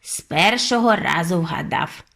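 A woman reading an audiobook and voicing an elderly grandmother who speaks calmly and deliberately. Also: fairly low pitch, vocal fry, full character voice. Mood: determined. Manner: measured, unhurried, knowing. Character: calm, determined elderly grandmother.

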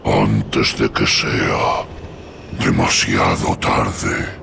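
An actor playing a solemn ancient guardian spirit in a fantasy game, grave and ominous, with game sound behind him. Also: male voice, extremely low pitch, steady tone, drawn-out words, vocal fry, noisy background, full character voice. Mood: solemn warning. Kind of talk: scripted fantasy game acting.

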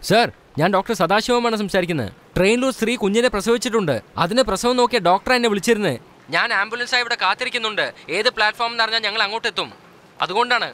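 Hurried doctor on the phone, rapid and bright, dubbed film. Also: male voice, sits high. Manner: hurried, polite phone talk.

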